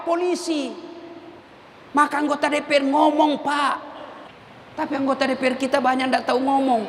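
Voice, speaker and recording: A man preaching a humorous sermon, animated and shouting questions to the crowd. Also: very high-pitched, slight background noise. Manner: animated, shouting call-and-response questions, mimicking voices. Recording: long hall reverb, faint ambience.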